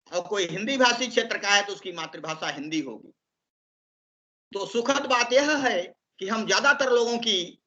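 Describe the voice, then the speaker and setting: Man lecturing slowly over a video call. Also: sits high, pushed and bright. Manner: slow, deliberate explanation with frequent pauses. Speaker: Hindi language trainer. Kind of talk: online training lecture. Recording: muffled online call audio.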